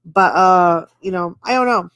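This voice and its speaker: A woman's voice: lowish voice, measured pace, fairly bright tone, clean tone, dry recording. A woman hosting a casual live-stream chat, rambling along with lots of fillers. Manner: chatty and rambling, with many fillers. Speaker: stream host.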